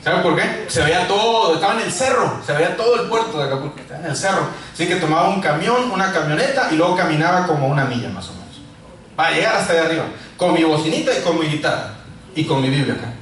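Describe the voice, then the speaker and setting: A man from Mexico, preaching a sermon full of personal testimony and swinging from loud calls to quiet asides. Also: a little high, animated, quick pace. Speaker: pastor. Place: large echoey church hall. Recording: echoey church hall, mic far off, faint noise.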